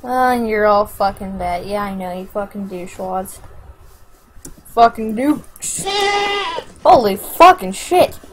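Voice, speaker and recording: A woman's voice: mid-range voice, slow pace, slight background noise, rough recording. A woman playing a survival video game, swearing freely and thinking aloud as she plays. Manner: profane, excitable, thinking aloud. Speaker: gamer. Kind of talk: let's play commentary.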